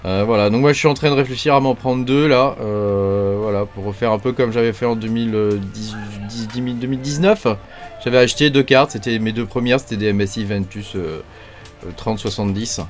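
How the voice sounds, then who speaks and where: A man's voice: medium pitch, steady tone, a little fast, soft background music. A man hosting a casual mining news roundup, talking loosely with many hesitations and fillers. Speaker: crypto mining channel host.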